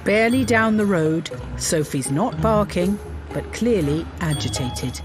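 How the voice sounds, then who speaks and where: A woman giving scripted narration for a dog-training show with a lively storytelling delivery. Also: medium pitch, a little slow. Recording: music bed under the voice-over.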